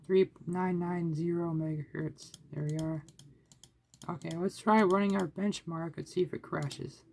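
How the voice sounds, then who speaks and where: This hardware hobbyist vlogger talks through his own computer tinkering and gameplay in a casual screen recording, thinking aloud and frequently restarting sentences. His voice sits on the high side, gravelly and a little mellow, with a steady tone and an unhurried pace.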